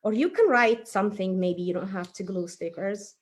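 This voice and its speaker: A woman of medium pitch talks at a normal speed. She's presenting a craft meant for young kids, staying chatty and encouraging as she reasons out loud through each step while working by hand. Small clicks and a faint background hum of noise come through.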